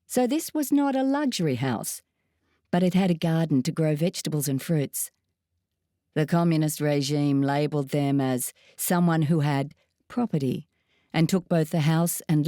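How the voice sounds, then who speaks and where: Female narrator, lowish mellow voice, dry close recording, measured memoir reading. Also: no room sound. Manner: measured, steady storytelling. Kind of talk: scripted first-person narration.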